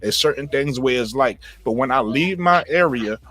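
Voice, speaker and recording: A man's voice: medium pitch, animated, normal speed, fairly bright tone, dry recording. A man from Brooklyn with a New York accent, talking emphatically in a casual group discussion, repeating phrases and calling people bro.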